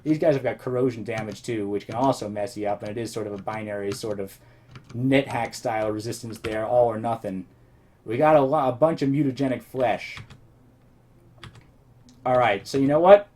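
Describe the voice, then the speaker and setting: A man's voice: mid-range voice, normal speed, a little mellow, slight background noise. Rambling man narrating his gameplay. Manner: thinking aloud, rambling with restarts. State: slightly losing his voice. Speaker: let's play host. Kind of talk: casual gameplay commentary.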